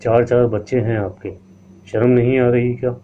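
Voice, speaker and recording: A man's voice: mid-range voice, level tone, moderate pace, dark tone, lightly acted. A man voicing a hurt, proud wife of the house who speaks bitterly and sharply. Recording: tinny lo-fi line with faint hiss.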